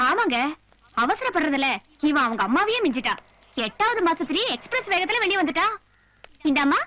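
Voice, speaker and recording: A woman's voice: very high-pitched, big pitch swings, fairly quick, sharp tone, a little hiss or hum, exaggerated voice. A woman playing a sly, sarcastic young wife who schemes against her in-laws. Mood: mocking. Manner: sly, mocking. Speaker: daughter-in-law. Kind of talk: 1980s film acting.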